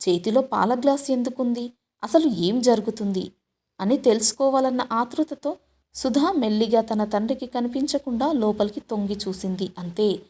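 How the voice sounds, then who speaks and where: A woman telling a scripted story in steady, dramatic narration. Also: a little high.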